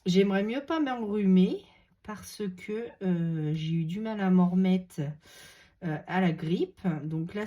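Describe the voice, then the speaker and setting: A woman with a runny nose chatting casually while she shows a craft project, relaxed and talkative as she works. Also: medium pitch. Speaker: craft video host. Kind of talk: casual craft tutorial chat.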